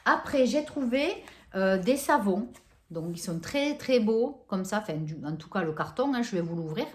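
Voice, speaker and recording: A woman's voice: mid-range voice, animated, moderate pace, a little mellow. Woman, casual haul vlog, hesitant and chatty, gushes over scents, echoey room. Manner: chatty, hesitant, many fillers and restarts. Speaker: vlogger showing a shopping haul.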